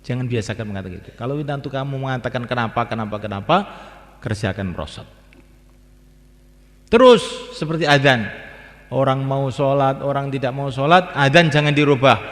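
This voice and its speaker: A man preaching a sermon in a repetitive, emphatic way, swinging between soft and loud. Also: mid-range voice, brisk. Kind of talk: sermon to a gathering. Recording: echoey hall with long reverb.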